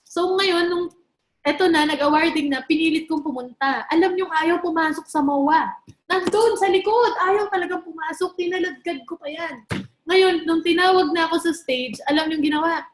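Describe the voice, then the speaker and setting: A woman's voice: extremely high pitch, normal speed, echoey room, slight background noise. A woman around thirty giving a chatty motivational talk about network marketing to a live audience, telling stories and asking the crowd questions. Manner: chatty storytelling, mixing in English, asks the crowd questions.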